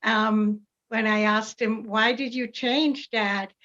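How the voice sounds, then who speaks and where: Older Jamaican woman, calm reflective voice. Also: fairly high pitch, slow, highs cut off. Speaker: parishioner guest. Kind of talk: casual interview.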